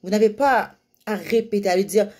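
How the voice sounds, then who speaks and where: A young woman giving parents casual advice, lively and now and then slipping into sing-song baby-talk examples. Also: medium pitch, moderate pace. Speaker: parenting vlogger giving tips.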